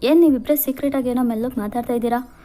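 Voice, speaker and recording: A woman's voice: a little high, rapid-fire, faint music behind, natural voice. A woman voicing a friendly young man trying to befriend two college girls in an audio story. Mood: eager. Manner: warm, inviting.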